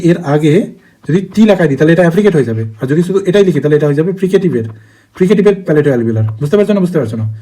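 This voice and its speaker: A man's voice: fairly high pitch, mellow, low-quality recording. A man teaching an online phonetics lesson, drilling terms over and over and asking students if they understand. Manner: rapid, repetitive drilling with frequent check-in questions.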